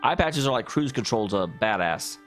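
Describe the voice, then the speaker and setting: Man, let's play host, animated intonation, casual rambling commentary, speculative, self-deprecating, faint game music behind. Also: mid-range voice, normal speed.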